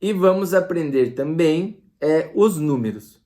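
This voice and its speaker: A man's voice: on the high side, animated, measured pace, mellow. A man teaching English in a casual online lesson, drawing out each word he drills and dropping chatty asides.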